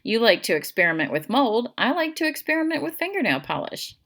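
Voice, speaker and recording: A woman's voice: fairly high pitch, very animated, a little fast, a bit bright, pitched above the performer's own voice, heavily acted. A woman voicing a chatty, self-assured teenage girl who talks in a showy, formal way, in a children's audiobook.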